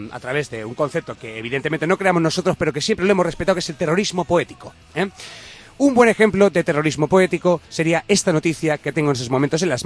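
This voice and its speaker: A man in his thirties hosts a comedic radio chat with a fairly high-pitched voice. He speaks from in a theatrical, ironic manner and rambles through his points. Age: 30s. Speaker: radio host.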